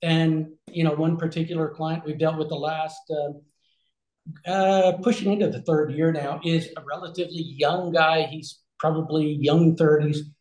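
A man's voice: fairly high pitch, little pitch movement, measured pace, darkish tone. Man on a video call, echoey room. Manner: conversational, many fillers and restarts, talks with his hands. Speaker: regenerative health concierge. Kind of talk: casual explanatory talk on a video call. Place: small room with shelves, indoors. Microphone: video call webcam.

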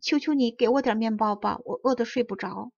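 A hungry little wooden puppet boy pleads and whimpers his way through this storybook, voiced by a woman reader. His voice sits a little high. The recording is dry and slightly muffled. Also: fairly quick, gravelly, darkish tone, dry recording. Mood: pleading.

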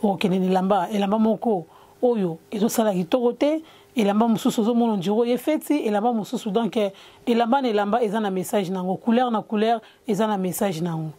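A woman's voice: mid-range voice, fast talker, dark tone. A young woman hosting an interview in a clothing shop, switching between Lingala and French, speaking into a handheld mic. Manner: mixes Lingala and French, brief assents. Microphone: handheld mic with windscreen.

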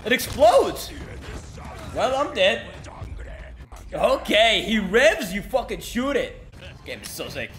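High-voiced young man shouting over a game. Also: slow, pauses often, faint music behind. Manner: loud, laughing, swearing constantly, frequent excited shouts. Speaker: streamer. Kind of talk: live gameplay reactions.

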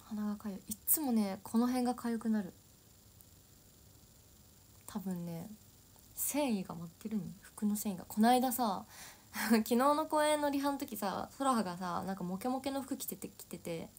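A woman's voice: medium pitch, expressive, moderate pace, long pauses, darkish tone. A young woman idol, chatting casually and giggling as she answers viewer comments on a solo livestream. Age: young adult.

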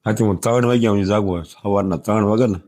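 An older man, talking in an emotional interview, soft and halting, often trailing off quietly. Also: lowish voice. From Gujarat, India. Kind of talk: emotional interview, plain talk.

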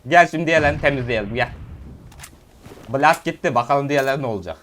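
A young man casting his own mobile shooter match, calling out enemies quickly and breaking into shouts and laughs in bursts. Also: mid-range voice, slight background noise. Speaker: gaming YouTuber. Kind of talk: excited gameplay commentary.

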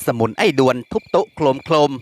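A man narrating a classic novel as an audiobook, in a steady, dramatic storytelling way. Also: a little fast. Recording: long reverb.

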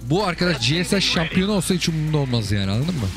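Racing through his commentary on viewers' game replays, a man with a high-ish, very animated voice chats away, repeatedly asking "you get it?" and addressing the listener as brother. Music runs in the background.

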